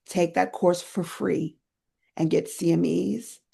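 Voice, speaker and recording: Gravelly, upbeat woman telling stories. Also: slow pace. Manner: enthusiastic storyteller, lively swings in pitch when retelling scenes. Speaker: guest, end-of-life doula educator. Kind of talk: conversational interview.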